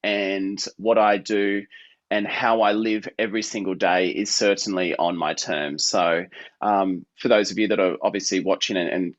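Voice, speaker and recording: A man's voice: sits low, steady tone, moderate pace, dull audio. A man from New South Wales with an Australian accent, a guest chatting upbeat and casually from his home office over a video call, with plenty of filler words. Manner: upbeat, chatty, many fillers like "look" and "hey". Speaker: guest entrepreneur. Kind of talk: casual interview chat.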